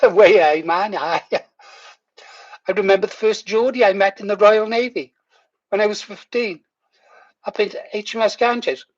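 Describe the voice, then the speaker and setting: A man's voice: high-pitched, unhurried, long pauses. A man over sixty, chatting casually to viewers as he hosts a livestream. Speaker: livestream host. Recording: muffled, echoey room.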